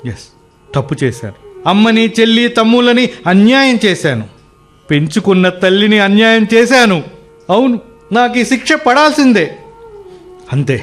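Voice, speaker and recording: An actor in a radio play playing a married son full of remorse and grief. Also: male voice, high voice, very animated, moderate pace, long pauses, a bit bright. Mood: remorseful. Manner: mournful, self-reproaching. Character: guilt-ridden married son, grieving, remorseful. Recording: faint music behind.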